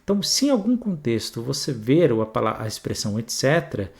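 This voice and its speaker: Animated Brazilian teacher, lively pitch. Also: male voice, a little fast, vocal fry. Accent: Brazilian Portuguese. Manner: chatty, animated, frequent "tá?" check-ins. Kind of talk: exam-prep grammar lesson.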